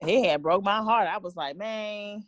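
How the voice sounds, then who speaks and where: A woman's voice: on the low side, brisk. A woman co-hosting a podcast in casual chat, slangy and laughing often. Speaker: podcast co-host.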